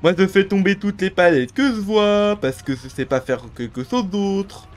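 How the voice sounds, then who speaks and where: A man's voice: sits high, normal speed, faint music behind, close to an everyday voice. A man putting on a clueless, panicky video game player in mocking imitation during a stream.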